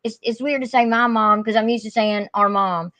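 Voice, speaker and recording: A woman with a deep Southern US accent, chatting casually and earnestly on a live stream as a channel creator. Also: steady tone, moderate pace, a bit bright.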